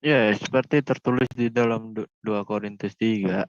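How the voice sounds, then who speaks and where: A low, flat-voiced man reading scripture slowly and carefully in a casual Bible discussion, with small stumbles. The recording is dry and a little dull. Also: no echo.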